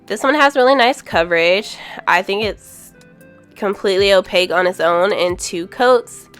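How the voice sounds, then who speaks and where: Soft music plays behind this casual product review, where a woman congested with a cold talks through nail polish at a normal pace, full of ums and frank opinions. Her medium-pitched voice has a fairly bright tone.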